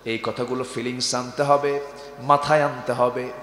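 A man preaching a waz sermon to a crowd. He keeps firing rhetorical questions at the audience and swings from hushed lines to shouts. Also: medium pitch, level tone, moderate pace. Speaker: Islamic preacher. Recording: echoey hall with long reverb.

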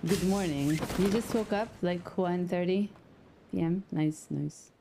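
A woman streaming a game from home, chatting casually with viewers through a headset in a relaxed, chatty way and laughing often. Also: lowish voice, unhurried, creaky, a little hiss or hum. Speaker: gaming streamer. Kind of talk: casual chat to viewers while gaming.

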